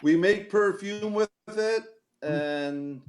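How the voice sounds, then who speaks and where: A man's voice: high-pitched, takes it slowly. A man from Canada hosting a casual podcast, rambling with many restarts. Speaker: podcast host and trapper. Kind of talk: casual chat.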